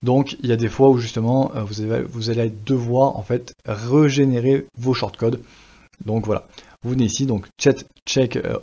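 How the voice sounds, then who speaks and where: A relaxed French man presents a casual screen-recorded WordPress tutorial, chatty and full of fillers and restarts. His voice is medium-pitched, and the sound is slightly dull and lo-fi.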